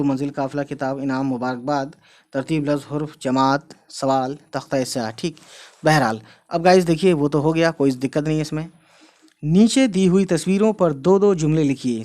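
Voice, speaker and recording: A man's voice: fairly high pitch, a little mellow. A man teaching a class, going through words one by one and often checking with "theek hai" as he explains. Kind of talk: casual classroom lesson.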